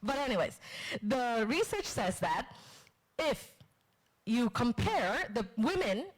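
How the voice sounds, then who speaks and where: A woman from Vietnam giving a live marketing class, chatty and lively, asking the room questions. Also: a little high, takes it slowly, poor audio. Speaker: marketing instructor. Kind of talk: live class lecture to an audience. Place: lecture room with audience.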